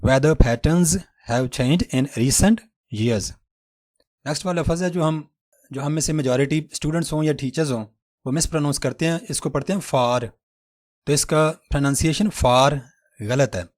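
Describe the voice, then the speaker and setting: A man with a Pakistani accent teaching English pronunciation step by step, saying example words slowly and repeating them. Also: mid-range voice, a little mellow. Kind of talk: pronunciation lesson.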